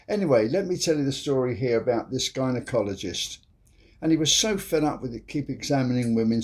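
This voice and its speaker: A man's voice: mid-range voice, darkish tone, husky. An older man hosting a comedy show, telling long rambling jokes in a chatty, casual way. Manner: chatty, rambling storyteller with frequent "you see".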